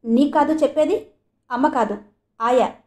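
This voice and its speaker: A woman voicing a proud young stepmother who is quick to anger, speaking sharply and resentfully. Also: high-pitched, very animated, a little mellow, echoey room, voice pushed up.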